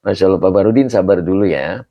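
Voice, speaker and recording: A man's voice: low-pitched, fast talker, dark tone. A man teaching a religious text class over a video call, greeting students by name and explaining patiently. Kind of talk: online kitab class. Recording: dull lo-fi call audio.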